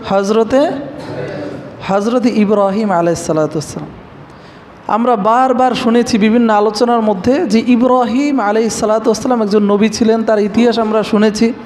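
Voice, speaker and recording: A man's voice: high-pitched, steady tone, normal speed, darkish tone. A man preaching an Islamic lecture, reciting Arabic verses and then explaining each one. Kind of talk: religious lecture. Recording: faint noise, long hall reverb.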